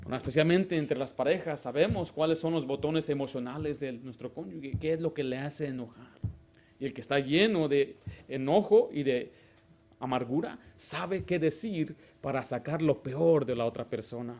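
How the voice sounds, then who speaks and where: A man's voice: on the high side, moderate pace, darkish tone. A male pastor preaching a Baptist sermon, asking the congregation rhetorical questions and acting out little dialogues. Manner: acts out short dialogues in a raised voice.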